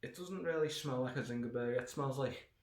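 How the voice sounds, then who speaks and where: This British speaker's medium-pitched voice is brisk as he wanders through a snack review, casual, sarcastic and sweary, drifting off topic. He's from the United Kingdom, recorded in an echoey space with faint noise.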